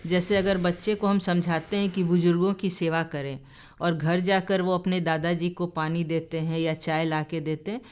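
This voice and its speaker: A woman's voice: fairly low pitch, flat delivery, moderate pace, darkish tone, clear, resonant tone. Polite woman hosting a radio talk. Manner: polite, affirming, adds examples. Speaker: radio host. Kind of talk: radio interview. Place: radio studio.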